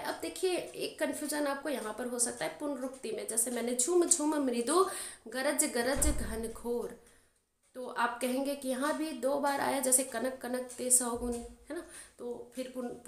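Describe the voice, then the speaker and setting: A high-pitched woman gives a grammar lesson for exam preparation. She explains patiently, keeps checking that the listener follows, and slows right down to recite verse examples. Her voice rings with the echo of a roomy space. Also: fairly bright tone. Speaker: Hindi grammar teacher.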